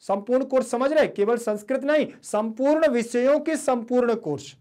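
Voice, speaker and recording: A man's voice: very high voice, a little fast, a little mellow. A man teaching an online lesson, explaining a Sanskrit text line by line, repeating each meaning and asking rhetorical questions. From India.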